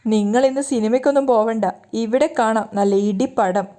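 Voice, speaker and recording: A woman voicing a domineering, scheming middle-aged mother who taunts and gloats, in a slow, mellow read. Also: fairly high pitch, lightly acted. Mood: gloating.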